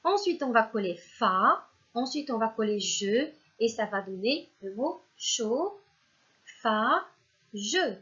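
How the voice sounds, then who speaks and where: In lo-fi audio, a woman primary school teacher with a slightly high, expressive, somewhat bright voice gives an unhurried recorded reading lesson to young kids. She sounds out syllables one by one and speaks to the pupils as though they are present, praising them.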